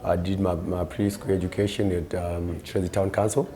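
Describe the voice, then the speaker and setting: A man's voice: low voice, level tone, brisk, warm tone. A thirty-year-old man with a Zimbabwean English accent, introducing himself plainly with small hesitations.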